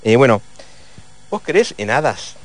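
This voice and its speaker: A man with an Argentine accent hosting a casual radio chat, reading listener messages in a relaxed way with small laughs. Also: medium pitch, unhurried. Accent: Argentine Spanish. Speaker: radio host.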